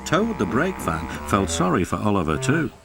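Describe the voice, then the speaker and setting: A man giving scripted, measured storybook narration for a children's cartoon. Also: fairly low pitch, vocal fry, music in the background. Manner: expressive, measured.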